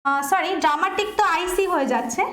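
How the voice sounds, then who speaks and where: High-voiced woman teacher, echoey. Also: animated, fast, fairly bright tone, a little hiss or hum. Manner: patient, repeats points and checks understanding. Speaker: English teacher. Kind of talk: online lesson.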